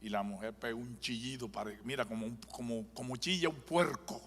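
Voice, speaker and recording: A male pastor preaches a live sermon in a church sanctuary, telling a dramatic story that builds into fervent preaching. His mid-range voice is a bit bright and a little fast, with long reverb from the church hall.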